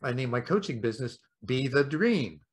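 A man's voice: medium pitch, animated, normal speed. A middle-aged man hosting a podcast, asking long, looping questions in an easygoing way over a video call. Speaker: podcast host and coach. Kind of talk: casual interview chat.

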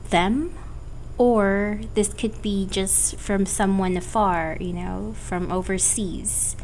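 Female tarot reader, slow and hesitant, cracking voice from a cold, faint background noise. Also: mid-range voice, poor audio. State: has a cold. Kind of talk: casual monthly tarot forecast.

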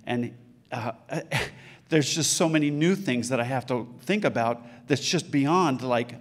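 A man in his sixties giving a conference talk on stage into a handheld mic, with a loose delivery full of fillers and restarts. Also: medium pitch. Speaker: conference speaker. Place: dark conference stage with a large room.

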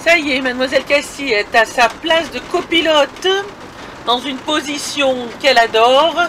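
Inside a camper van, moving or parked, a vlogger talks to her audience in a high voice at a moderate pace. Her narration is casual and chatty, with vehicle engine and road noise in the background.

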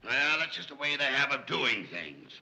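An actor playing an exasperated wealthy father in a 1930s screwball film, gruff and blustering, with a gravelly voice. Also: medium pitch, sing-song, normal speed, sharp tone, exaggerated voice, low-quality recording.

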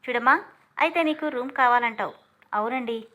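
A woman voicing a brisk, businesslike hostel matron giving instructions in a storybook reading. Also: on the high side, pushed and bright.

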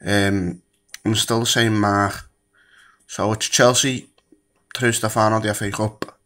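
A man's voice: lowish voice, steady tone, slow, pushed and bright. A man talking to his viewers in a casual, blunt, sweary vlog rant. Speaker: vlogger.

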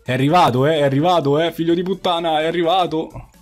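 Uomo sboccato che commenta il gioco. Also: male voice, a little high, quick pace, faint music behind. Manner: foul-mouthed, swears and repeats phrases in frustration. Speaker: gaming YouTuber. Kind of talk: live gameplay commentary.

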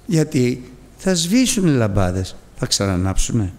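A man preaching with a gravelly, animated voice that swings from low murmurs to high, pressing questions. He sounds fairly high for a man. A long hall reverb trails every phrase. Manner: animated, pleading rhetorical questions. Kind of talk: sermon.

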